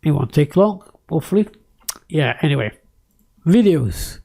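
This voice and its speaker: A tech YouTuber who isn't a native English speaker rambles and rants over a casual screen recording, close to the mic, with lots of fillers and restarts. His fairly high voice is animated and mellow, with vocal fry, at a moderate pace.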